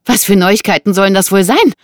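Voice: fairly quick, no room sound, studio quality, close to an everyday voice. An audiobook narrator voicing a frightened, angry woman who is cornered and speaks shrilly. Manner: shrill, raised, high-pitched.

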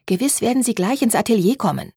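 A practical young seamstress in a storybook, voiced by a woman. She talks calmly and matter-of-factly. The recording is dry and close. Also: a little high, quick pace, slightly rough, no room sound, voice pushed up, exaggerated voice. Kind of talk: audiobook reading.

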